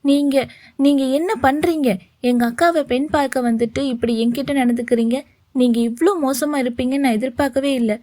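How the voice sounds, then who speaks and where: A woman's voice: fairly high pitch, fairly quick, a little mellow, no echo, lightly acted. A woman voicing a flustered young woman who scolds and pleads, read as part of a story. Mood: indignant. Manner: indignant, pleading.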